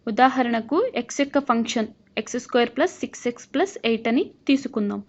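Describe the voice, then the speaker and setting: High-voiced woman teaching math. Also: quick pace. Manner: patient, asks learners to check along. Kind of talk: explaining a math lesson. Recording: slightly dull lo-fi recording.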